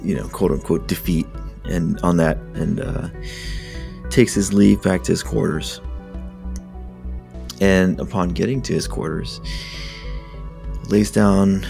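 A very deep, gravelly man running a tabletop game as game master. He narrates the story with hesitant restarts, and faint music plays behind him. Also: a little mellow.

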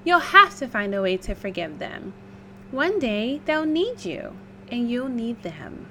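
A woman voicing a gentle, wise mother pig who speaks in a soothing, reassuring way. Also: a little high, big pitch swings, measured pace, background noise. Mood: tender.

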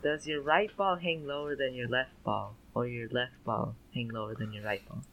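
A man's voice: mid-range voice, fairly even intonation, normal speed, gravelly, highs cut off, background noise. A teenage boy co-hosting a podcast over a video call, teasing and giggly. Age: teens. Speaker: podcast co-host. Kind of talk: casual chat.

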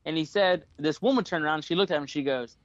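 A man co-hosting a casual podcast, an animated storyteller who keeps saying "dude". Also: fairly high pitch, very fast, dry recording. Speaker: podcast co-host. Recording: dull, dry lo-fi mic.

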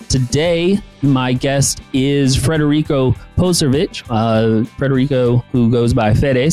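A man's voice: mid-range voice, darkish tone, low-quality recording. A man hosting an interview podcast, rambling and friendly as he thinks aloud. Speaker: podcast host.

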